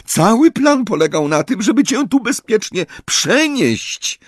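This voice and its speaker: A man voicing an anxious, protective middle-aged mother who pleads in a shrill falsetto. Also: big pitch swings, unhurried, husky, no echo, studio quality, full character voice. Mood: pleading.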